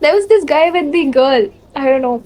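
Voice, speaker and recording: A woman's voice: high voice, expressive, quick pace, darkish tone. A young adult Indian woman with a Telugu accent telling stories casually, switching between English and Telugu. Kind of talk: casual chat, storytelling.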